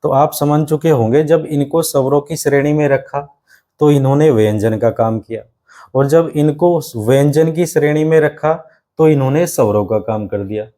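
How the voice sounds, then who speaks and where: A man with a fairly high, mellow voice teaches a grammar lesson to exam students at a moderate pace. He explains things step by step, asks plenty of rhetorical questions, and often calls the students his friends.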